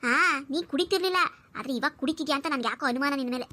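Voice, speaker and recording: A sharp-tongued young working wife played by a woman scolds in a very high, bright voice. She speaks quickly, in cartoon voice acting. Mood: accusing.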